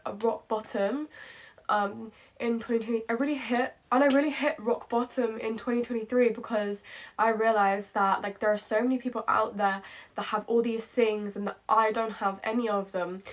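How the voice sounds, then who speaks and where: A woman, talking candidly and rambling in a reflective late-night vlog, repeating herself and saying "like" often. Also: a little high. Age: 20s. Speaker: vlogger.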